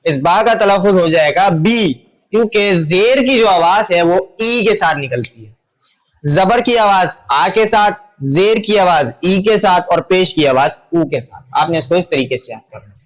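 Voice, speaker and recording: A man with a Pakistani Urdu accent teaching a lesson informally, drawing out letter sounds slowly and repeating drills, chatty with his viewers. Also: high voice, lively intonation, rough recording. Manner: chatty, addresses viewers as brother.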